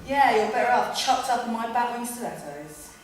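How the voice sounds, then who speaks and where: A woman's voice: fairly high pitch, lively intonation, moderate pace, a little hiss or hum, close to an everyday voice. An actress playing a chatty, prejudiced woman shop clerk on a live stage, recorded from far off in an echoey theatre. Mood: snide. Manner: chatty, snide, giggling.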